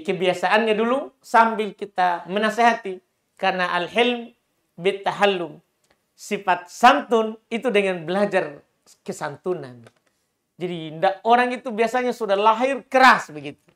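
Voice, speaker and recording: A man's voice: high-pitched, fairly bright tone. A middle-aged male Islamic preacher, giving a religious lecture and answering questions. He repeats key phrases and his voice climbs sharply when he stresses a point.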